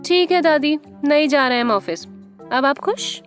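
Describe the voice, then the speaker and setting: A woman's voice: high voice, lively intonation, unhurried, soft background music, pitched above the performer's own voice. A woman narrator voicing an insistent young woman in an audio story. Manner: insistent, raised voice. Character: young woman, lively and teasing.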